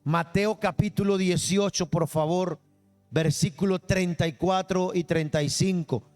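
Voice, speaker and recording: High-voiced preaching pastor. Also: male voice, fairly even intonation, unhurried, darkish tone, soft background music. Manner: emphatic preaching, quizzing the congregation. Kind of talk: sermon. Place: church service.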